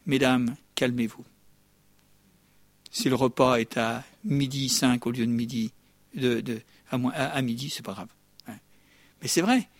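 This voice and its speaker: An older man preaching a sermon in a lively, conversational way, often checking in with the congregation with quick asides. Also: medium pitch. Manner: lively, chatty preaching with frequent "hein?" asides. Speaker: pastor.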